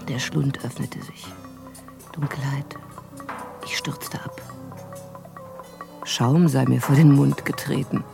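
An actress voicing a haunted young prophetess in a radio play, narrating in the first person with intense delivery that sinks into whispers. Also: female voice, very deep voice, steady tone, slow, creaky, long pauses, music in the background, heavily acted. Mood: brooding.

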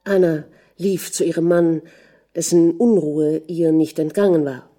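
A woman narrating a novel with calm, measured storytelling. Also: lowish voice. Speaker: audiobook reader. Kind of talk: scripted narration.

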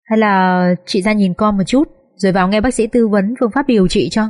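A woman voicing a kind female nurse who gently encourages a distressed mother in an audiobook. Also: mid-range voice, steady tone, brisk, close to an everyday voice. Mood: encouraging.

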